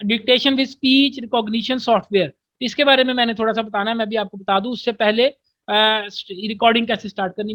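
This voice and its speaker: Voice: mid-range voice, fairly bright tone, dry recording. Patient teacher. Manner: reads English lines slowly, then explains them in everyday Urdu; patient, checks understanding often. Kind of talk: online class lecture.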